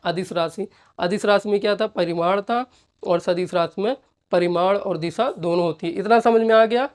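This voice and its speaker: A woman teaching a physics class, explaining slowly, repeating points and often checking that students follow. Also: mid-range voice, a little mellow. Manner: repetitive, checks understanding with "ठीक है". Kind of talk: classroom lecture with board work.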